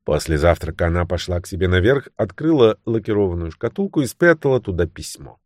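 Lively low-voiced male narrator. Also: brisk, dry recording, clean studio sound. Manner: expressive reading, voices the characters' lines. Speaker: audiobook narrator. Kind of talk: scripted narration.

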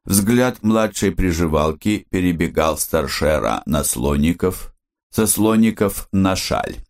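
A man narrating a literary audiobook in a measured, expressive storytelling manner. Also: low-pitched.

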